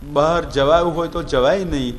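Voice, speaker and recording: A man with a Gujarati accent preaching a devotional discourse, questioning his listeners and slowing down to stress key words. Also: on the high side. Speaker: Bhagavat katha preacher.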